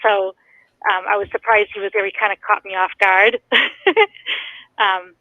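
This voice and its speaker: A Boston-accented woman from Massachusetts calls in to a live podcast for a casual chat, hesitant and giggly with lots of ums. Her mid-range voice is level and a little slow. The recording is muffled, with no room sound.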